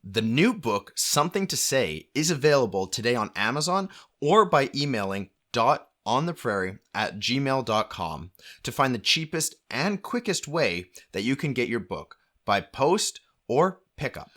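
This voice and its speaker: A man's voice: medium pitch, very animated, measured pace, hardly any pauses, a bit bright. A man hosting a book launch event, making upbeat announcements. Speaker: host.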